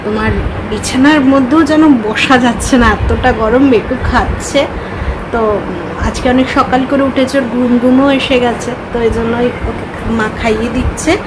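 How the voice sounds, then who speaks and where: A woman's voice: fairly high pitch, fairly even intonation, normal speed. Chatty woman vlogging over home noise. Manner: chatty, addresses viewers directly. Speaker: vlogger, mother. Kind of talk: casual vlog narration.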